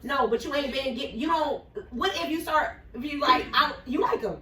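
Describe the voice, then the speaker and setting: A woman co-hosting a podcast in casual chat, animated and often talking over others. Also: sits high, moderate pace, over a noisy crowd. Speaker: podcast co-host. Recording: echoey room, far from mic.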